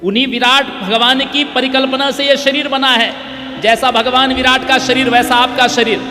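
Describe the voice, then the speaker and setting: Male preacher, high voice, emphatic rhetorical questions, long hall reverb, instruments playing behind. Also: flat delivery, normal speed. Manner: emphatic, rhetorical questions, chants Sanskrit verses. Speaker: katha preacher. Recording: echoey hall with music behind. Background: musical instruments.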